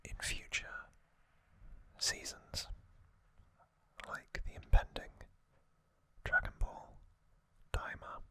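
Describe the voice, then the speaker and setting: Hosting his ASMR channel, a man whispers unscripted commentary in a hushed, unhurried, halting way.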